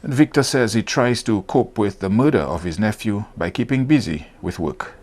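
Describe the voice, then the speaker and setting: A male reporter reading a scripted news report with measured, formal delivery. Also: lowish voice, animated, darkish tone.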